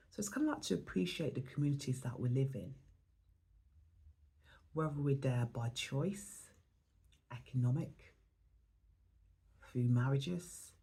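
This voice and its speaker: On her spiritual vlog, a woman from England does an oracle card reading in a meandering, thoughtful way. Her voice is hoarse and going, pitched extremely low with a dark quality.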